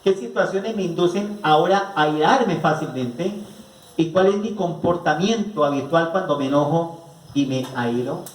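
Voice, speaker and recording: A man's voice: fairly high pitch, normal speed. Colombian man lecturing in an echoey hall. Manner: rhetorical, asks the audience questions, repeats "¿no es cierto?". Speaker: psychologist giving a family conference. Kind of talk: lecture to a live audience. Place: rural venue with an audience. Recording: echoey room picked up from a distance.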